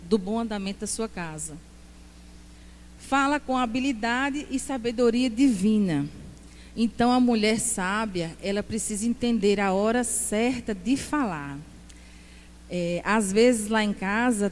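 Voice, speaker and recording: A woman's voice: a little high, long reverb tail, a little hiss or hum. Fervent woman preacher. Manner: fervent, peppered with praise interjections and "né?". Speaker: women's Bible class speaker. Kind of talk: church teaching. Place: church hall.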